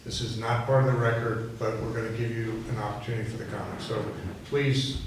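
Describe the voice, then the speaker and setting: Sex: man. Role: presiding officer. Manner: measured, formal. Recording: distant mic, very echoey room, steady background noise. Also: on the low side. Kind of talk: chairing a public hearing. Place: township meeting room. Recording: echoey hall from far off with clear noise.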